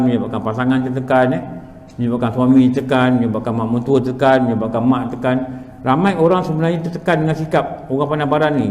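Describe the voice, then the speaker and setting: A man's voice: on the high side, darkish tone. A man teaching a religious evening lecture in a Malaysian Malay accent, asking rhetorical questions and answering them himself. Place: prayer hall. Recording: echoey hall, livestream.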